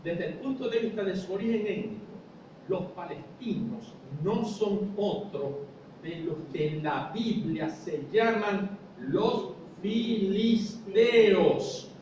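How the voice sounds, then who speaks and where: High-pitched male preacher teaching, lots of rhetorical questions, faint rumble behind, far from mic. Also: darkish tone, heavy reverb. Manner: explanatory preaching, rhetorical questions, addresses listeners as brother. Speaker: pastor. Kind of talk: sermon. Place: church.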